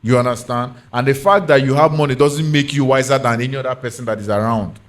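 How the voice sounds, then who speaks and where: A man's voice: medium pitch, steady tone, fast. A man with a Nigerian accent giving his opinions emphatically on a podcast panel in Pidgin and English, often checking he is understood.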